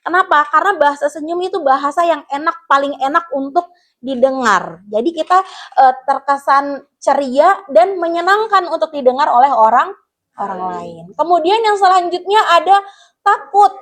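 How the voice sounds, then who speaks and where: Woman, high voice, school counselor, classroom lesson, explains and quizzes pupils. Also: lively intonation, moderate pace, a bit bright. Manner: explains to pupils, asks the class questions, calls them "Nak".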